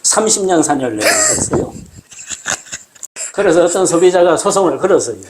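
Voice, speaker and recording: A man hosting a casual talk, explaining things in a measured, storytelling way, recorded indoors in an old house. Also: high-pitched, big pitch swings, a little hiss or hum. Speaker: host.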